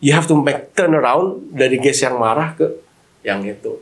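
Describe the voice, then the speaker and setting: A man in casual podcast chat, a hotel manager who tells animated stories and mixes English phrases into his talk. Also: medium pitch, normal speed.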